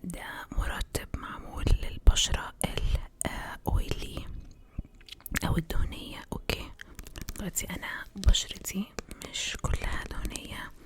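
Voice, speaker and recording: A young Egyptian woman doing ASMR in an intimate, breathy whisper, mixing in English words and softly repeating words as triggers. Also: normal speed.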